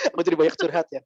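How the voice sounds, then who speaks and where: Animated man ranting in casual chat. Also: a little high, slight background noise. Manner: animated, ranting with quick asides. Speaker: podcast guest.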